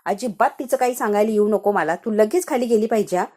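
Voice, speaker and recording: A woman's voice: mid-range voice, fast talker, natural voice. A woman doing a bossy young wife giving orders. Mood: commanding. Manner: sharp, ordering someone out. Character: bossy young wife faking a family quarrel.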